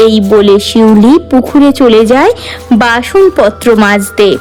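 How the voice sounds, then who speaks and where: A woman narrating a cartoon story at a measured, storytelling pace. Her voice sits high. Faint music plays beneath the narration. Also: lively intonation, a little mellow, rough recording.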